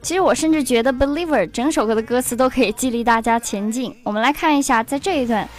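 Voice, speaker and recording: A woman presenting an English lesson built on song lyrics, reading the English lines slowly and explaining them in Chinese. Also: on the high side. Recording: faint music underneath.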